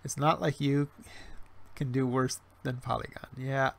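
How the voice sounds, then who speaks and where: Unhurried and gravelly, this 40-something man's medium-pitched voice holds fairly even intonation as he hosts a casual livestream and reads chat. Captured on a webcam mic, his rambling talk is packed with fillers, restarts, and self-mocking humor.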